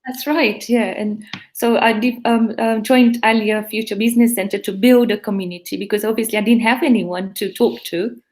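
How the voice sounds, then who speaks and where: In a casual interview, a middle-aged woman from East Africa who runs a pharmacy talks earnestly and thoughtfully. Her fairly high, slightly mellow voice stays steady at a moderate pace, and her accent mixes East African and English.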